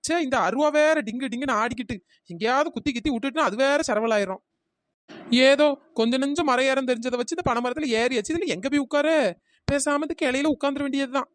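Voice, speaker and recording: A woman's voice: high voice, quick pace, no room sound, natural voice. A voice actor playing a bold young woman in a cartoon, scolding sharply. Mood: tense. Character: bold young woman climbing a palm tree, bossy. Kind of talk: cartoon voice acting.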